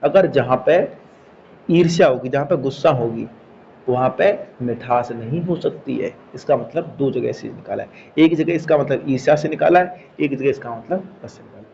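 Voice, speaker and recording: A man's voice: medium pitch, normal speed, creaky, a little mellow. A man teaching a Hindi grammar lesson, explaining step by step, repeating key words and checking that students follow. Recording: slightly dull recording with faint background noise.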